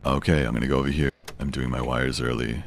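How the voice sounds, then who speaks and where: A man with a gravelly voice chatting casually as he plays an online game. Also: rumbling low, fairly even intonation, quick pace, a little hiss or hum. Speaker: video game player. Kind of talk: casual gaming chat.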